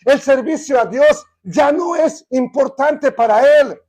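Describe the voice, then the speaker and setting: High-voiced man teaching a Bible study. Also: slow pace, darkish tone. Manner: conversational, checks in with rhetorical questions.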